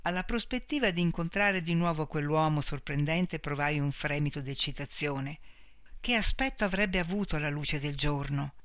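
A man reading a novel aloud as narrator, in a measured, even storytelling manner. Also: fairly high pitch, dry recording, clean studio sound. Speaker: audiobook narrator. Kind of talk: scripted narration.

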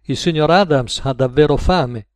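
A man voicing a gentle, overly polite camp cook who speaks softly and courteously, in a storybook reading. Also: a little high, normal speed, no room sound, studio quality, lightly acted.

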